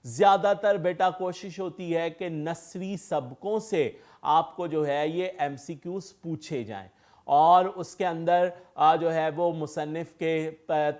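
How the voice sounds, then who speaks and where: Man, online lecture, slow careful teacher, fairly high voice. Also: a little mellow, clean tone. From Pakistan. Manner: patient, explanatory, calls students "beta", repeats "theek hai". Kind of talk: online exam-prep lecture.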